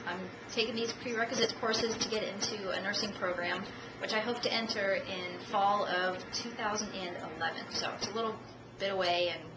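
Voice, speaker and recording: A woman in her thirties from the United States giving a self-introduction speech for a class, measured and dotted with ums and uhs, recorded on a camcorder. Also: medium pitch. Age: 30s. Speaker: student. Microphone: camcorder at a distance. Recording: echoey room, distant camcorder, audible noise.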